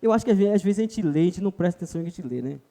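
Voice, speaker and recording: A man's voice: high voice, lively intonation, rapid-fire, mellow. A man with a Brazilian Portuguese accent preaching a sermon at a church retreat, emphatic, repeatedly calling his listeners brother.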